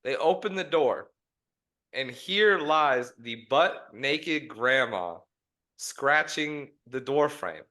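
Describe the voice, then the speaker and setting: A man's voice: medium pitch, lively intonation, takes it slowly, pushed and bright. A young man co-hosting a casual podcast, retelling a story in a loose, rambling way. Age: young adult. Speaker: podcast co-host. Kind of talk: casual chat.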